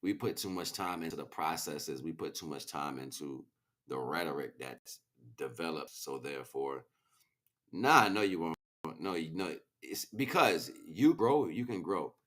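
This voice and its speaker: A man with a bass voice, animated, a little slow and a bit bright, hosts a casual livestream. His impassioned monologue is slangy, rambling and preachy, punctuated by replies to viewers.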